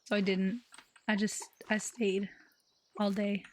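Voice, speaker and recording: A hoarse young woman livestreaming, telling a story in a chatty, laid-back way with lots of "like". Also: mid-range voice, level tone, slow, slight background noise. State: hoarse, losing her voice. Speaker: streamer. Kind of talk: casual livestream chat. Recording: faint music in the background.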